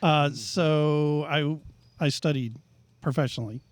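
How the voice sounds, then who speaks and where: A man's voice: fairly high pitch, measured pace, dry recording. A middle-aged man, a painter and professor, explaining his work thoughtfully in a casual interview, with frequent fillers.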